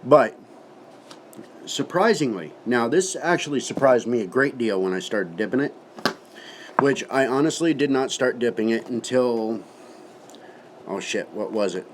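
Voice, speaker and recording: A man's voice: medium pitch, animated, unhurried, pauses often, slight background noise. A man giving a casual, folksy product review to camera, talking with his lip packed full of dip and swearing now and then.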